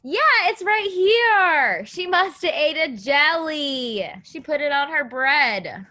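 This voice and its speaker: Pitched high and full of energy, this woman speaks slowly with a bright, forceful tone. She's a preschool teacher sharing a story with little ones, posing questions and counting in a cheerful, lilting, easy-to-follow way.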